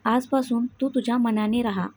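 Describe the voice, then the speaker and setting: A woman voicing a teasing, quick-tempered young husband in a read-aloud story, in a slightly high, husky voice. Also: steady tone, a little mellow, close to an everyday voice. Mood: irritated.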